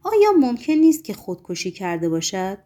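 A woman's voice: mid-range voice, very animated, dark tone, close to an everyday voice. A woman reading the lines of a brooding, commanding Roman governor in an audiobook, with a weary questioning tone. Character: stern Roman governor, middle-aged man, brooding.

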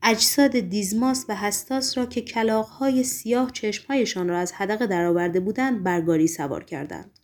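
A woman's voice: medium pitch, few pauses, close to an everyday voice. A woman reading a composed, shrewd spy chief. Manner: deferential, reassuring, composed. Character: calm, shrewd secret-police chief, middle-aged man. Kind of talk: audiobook reading.

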